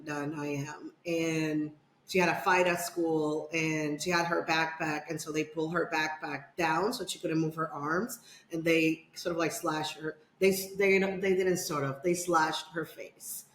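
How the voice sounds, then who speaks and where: Recorded in an echoey room with a little hiss or hum, a middle-aged podcast guest from the Dominican Republic shares a casual, rambling story. Her low-pitched voice stays level and unhurried, broken up by many fillers and restarts.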